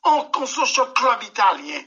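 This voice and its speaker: A man's voice: extremely high pitch, very animated, a little slow, bright, forceful tone. A man, a musician answering interview questions in a rambling, emphatic way and often saying "mon cher". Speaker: musician guest. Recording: dull lo-fi recording.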